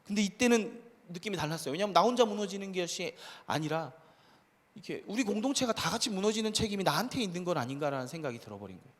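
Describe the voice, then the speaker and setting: A man preaching a lively, conversational sermon to a youth congregation as pastor. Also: high-pitched, fast. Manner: animated, conversational preaching with acted quotes and laughs. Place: church hall. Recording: hall reverb.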